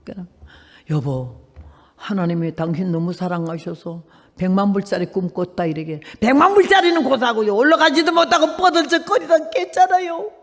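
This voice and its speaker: A woman's voice: medium pitch, vocal fry, darkish tone. A woman in her eighties, a missionary preacher, telling a story in a sermon and acting out the people in it. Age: 80s. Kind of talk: sermon with dramatic personal storytelling. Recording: long reverb of a church hall.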